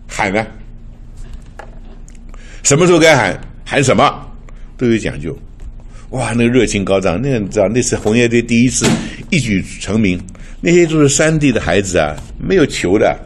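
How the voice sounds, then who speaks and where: A man's voice: on the low side, breathy edge. An older man from Taiwan preaching in a chatty, storytelling way, laughing often and mixing in English words. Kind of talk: sermon with personal stories.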